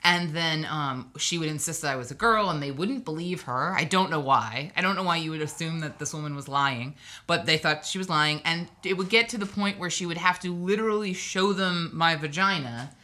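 A woman from Hawaii chats on a podcast. Her voice sits a little low but sounds bright and forceful. She tells personal stories in a wry, digressive way, full of asides. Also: brisk. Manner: chatty, wry storytelling with asides. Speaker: podcast guest. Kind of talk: casual podcast chat.

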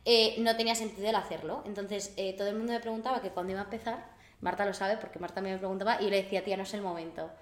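A woman from Spain co-hosting a podcast, talking fast and chatty with restarts. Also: mid-range voice, steady tone, reverberant. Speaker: podcast co-host. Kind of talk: casual chat.

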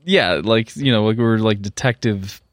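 A man co-hosting a podcast in casual chat, animated and laughing often, with plenty of fillers. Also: on the low side, normal speed, dry recording, studio quality. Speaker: podcast co-host.

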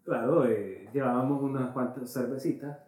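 A man tells a funny story to his friends, animated and quick to laugh. His voice sits at an ordinary pitch. The room around him rings with heavy echo. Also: far from the mic. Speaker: storyteller in group chat. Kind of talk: casual storytelling chat. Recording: very echoey room.

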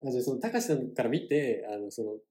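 Fast-talking young Japanese man, lively. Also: mid-range voice. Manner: polite, joking, quiz-giving. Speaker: podcast co-host. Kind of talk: casual chat.

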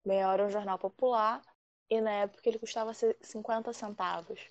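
A woman from Rio de Janeiro, telling a personal story in a lively, animated way and acting out the quotes. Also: mid-range voice, a little fast, dull audio. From Rio de Janeiro, Brazil. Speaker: guest storyteller.

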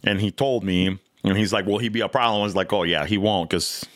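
A man's voice: on the low side, a little fast, a bit bright. A man co-hosting a casual review podcast, rambling with many fillers and restarts. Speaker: podcast co-host.

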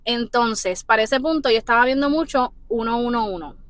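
Bright, lively woman host. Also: a little high, normal speed, no echo. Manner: lively, excitable storyteller. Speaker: podcast host. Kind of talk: casual podcast chat.

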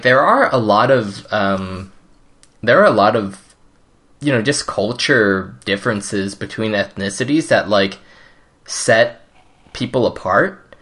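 Fairly low in pitch but a bit bright, this young Cantonese-native man speaks in a relaxed, casual chat. He hedges often and fills his speech with fillers.

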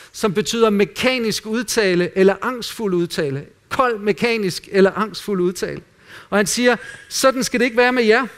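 A man preaching a sermon in an earnest way, dropping at times to quiet, intimate asides. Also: high voice. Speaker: pastor.

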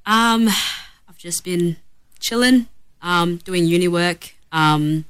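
Giggly young woman guest, lowish voice. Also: slow pace, a bit bright, clear, resonant tone. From Tanzania. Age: young adult. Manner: chatty, giggly, lots of ums and likes. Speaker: guest musician. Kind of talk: casual chat. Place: radio studio.

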